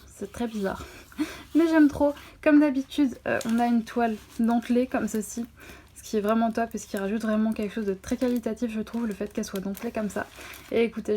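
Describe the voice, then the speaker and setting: A woman's voice: on the high side, dark tone. A woman from France chatting enthusiastically to camera while unboxing a craft kit, with many fillers, filmed on a phone. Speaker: vlogger unboxing a diamond painting kit. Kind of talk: casual unboxing chat to camera.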